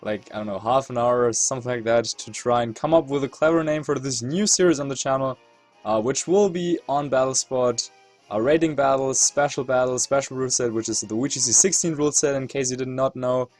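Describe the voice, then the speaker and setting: A man's voice: mid-range voice, brisk, darkish tone, soft background music. A man with a German accent giving casual gameplay commentary as a channel host, thinking aloud as he weighs his moves. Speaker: competitive video game player and channel host.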